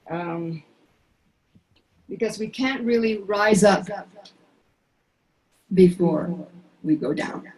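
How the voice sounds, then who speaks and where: A woman's voice: fairly low pitch, rough recording. Earnest older woman on a video call. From Peru. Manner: earnest, reflective, pausing often. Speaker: singer sharing a song. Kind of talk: casual video call chat. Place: home living room. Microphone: headset mic on video call.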